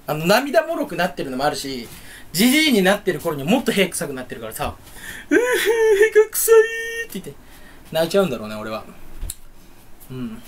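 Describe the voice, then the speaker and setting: Young man, solo home vlog, goofy and self-mocking, lively pitch. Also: fast. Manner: goofy, rambling, teases himself. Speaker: YouTuber. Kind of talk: solo casual chat to camera. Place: room at home, standing.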